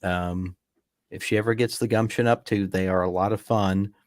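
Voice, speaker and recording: A man's voice: sits low, normal speed, dry recording. A man co-hosting a casual movie commentary, rambling with frequent restarts. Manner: relaxed, rambling, talks in restarts. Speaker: podcast co-host. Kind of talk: casual film commentary chat.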